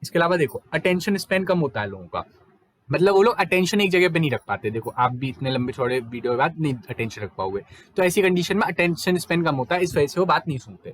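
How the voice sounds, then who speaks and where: Young male tutor, slightly high voice, chatty exam-prep lecture, code-switches between Hindi and English, keeps asking rhetorical questions. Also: animated, fast talker. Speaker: teacher.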